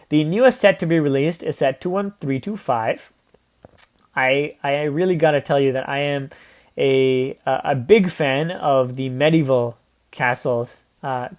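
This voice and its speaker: A man's voice: a little high, a little mellow. A man casually reviewing toy building sets, rambling with lots of fillers and restarts.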